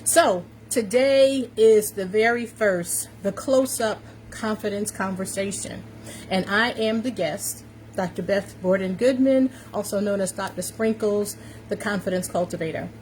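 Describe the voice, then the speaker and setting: A woman's voice: medium pitch, unhurried, poor audio. A woman of fifty-five with an American accent hosting a casual livestream, upbeat and emphatic, often repeating her phrases. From New York City, United States. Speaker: live stream host, confidence coach. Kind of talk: casual livestream chat to viewers. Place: warm room indoors. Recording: steady fan noise behind voice.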